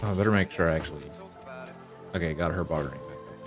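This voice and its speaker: A man's voice: extremely low pitch, fast. A man giving casual gameplay commentary, muttering and thinking aloud as he plays. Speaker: video game player. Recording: faint game music behind.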